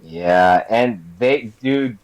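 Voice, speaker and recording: A man's voice: lowish voice, drawn-out words, low-quality recording. A young man co-hosting a podcast in casual chat, exasperated and incredulous as he retells scenes. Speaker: podcast co-host.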